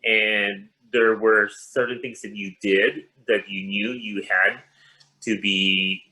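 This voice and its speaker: Pastor from the Philippines, interview guest; low pitch, crisp bright tone, measured delivery full of fillers. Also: male voice, steady tone, poor audio. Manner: measured, with frequent pauses and fillers. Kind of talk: casual interview.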